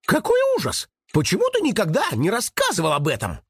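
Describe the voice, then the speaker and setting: Man doing a squeaky, eager young rabbit. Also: moderate pace, breathy edge, no echo, studio quality, full character voice. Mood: excited. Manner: excited, exclamatory.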